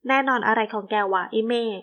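A woman's voice: a little high, brisk, highs cut off, natural voice. A woman voicing a playful, boastful young husband who teases and coaxes, in a storybook reading. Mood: teasing. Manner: teasing, coaxing.

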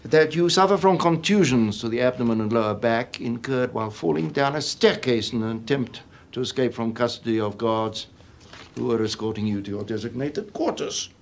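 A man's voice: medium pitch, normal speed, slight background noise, lightly acted. An actor playing a smug, menacing male police interrogator who speaks in a coolly bureaucratic, mocking way. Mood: menacing mockery.

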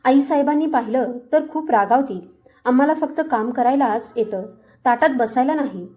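A scared, timid girl who answers anxiously, read out by a woman narrator. The voice is on the high side and soft and mellow in tone. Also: normal speed, lightly acted. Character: frightened young girl, a servant's daughter.

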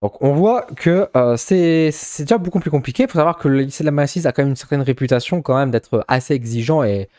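A man's voice: mid-range voice, expressive, quick pace, few pauses, dark tone, no room sound, clean studio sound. A shy young man with a Ch'ti accent, from northern France, chatting casually in a vlog with many hesitant restarts. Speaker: vlogger.

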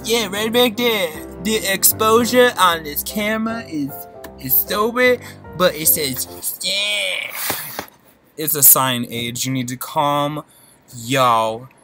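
A man's voice: on the high side, measured pace, over music. A man in his twenties rambling in a goofy, mock-dramatic comic monologue from his parked car, recorded on a laptop. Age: 20s. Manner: goofy, mock-dramatic, jumps between silly voices. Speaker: vlogger. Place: parked car in a parking lot. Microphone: laptop mic.

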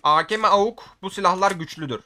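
A man giving excitable gameplay commentary for his video, often shouting at the game and using casual slang. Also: high-pitched, fast talker, heavy background noise. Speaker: gaming video creator.

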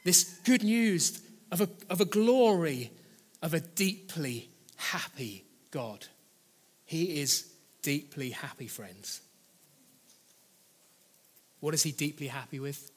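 A male preacher with a somewhat high voice delivers a sermon in an earnest, chatty manner. He often rephrases and repeats his key lines. The voice rings out in a hall with a long reverb. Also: expressive, slow, long pauses, husky.

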